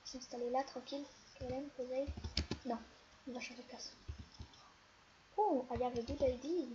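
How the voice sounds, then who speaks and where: A woman's voice: high-pitched, normal speed. A teenage girl from France giving playful, chatty let's play commentary, talking to herself and the other players. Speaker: gaming video creator. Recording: dull lo-fi mic with steady noise.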